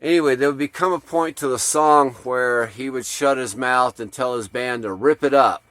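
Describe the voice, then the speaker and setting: A man tells a story in a loose, rambling way and swears freely. His voice sits at a middling pitch. The recording is dry and close. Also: moderate pace, fairly bright tone, no room sound. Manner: profane, laid-back, rambling. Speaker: off-grid vlogger. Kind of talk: casual storytelling.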